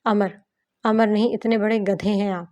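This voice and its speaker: A woman's voice: mid-range voice, little pitch movement, a little mellow, close to an everyday voice. A woman voicing a small, hot-tempered young wife who scolds emotionally in an audiobook reading. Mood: angry.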